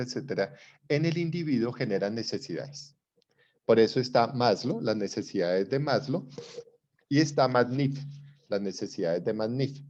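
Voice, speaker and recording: Colombian lecturer on a dull line. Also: male voice, mid-range voice, a little mellow. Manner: conversational, keeps checking that students follow. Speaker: psychology lecturer. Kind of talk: online class lecture.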